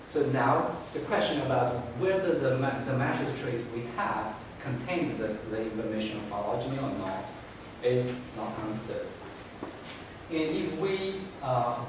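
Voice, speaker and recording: A man who speaks as a gives an academic thesis defense presentation in a halting, hedging way with frequent restarts. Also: medium pitch. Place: indoor room, recorded from a distance. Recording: echoey room, distant mic, noisy background.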